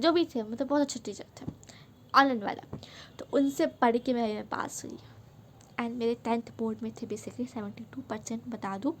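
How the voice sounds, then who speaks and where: A young woman from Bihar, India tells a casual storytime in a frank, emphatic way, her voice sitting a little high. She mixes English words freely into her speech. Faint room ambience stays underneath. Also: slight background noise. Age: young adult. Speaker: vlogger.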